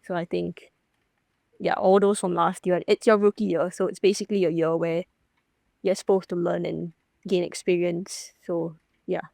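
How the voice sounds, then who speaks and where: A young woman from Singapore speaks in a relaxed interview as a professional golfer. Her voice sits low, and the sound is dry and close with no room around it. She talks casually, full of fillers and small restarts. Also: normal speed, creaky, dry recording. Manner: chatty, many fillers and restarts.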